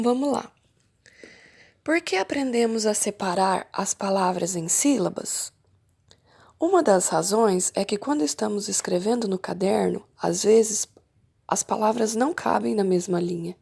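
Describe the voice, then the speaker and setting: Woman teacher from Brazil, remote lesson for kids, slow and patient, gravelly husky voice. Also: medium pitch, a little mellow. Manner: slow, patient, stretches key words. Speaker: primary school teacher.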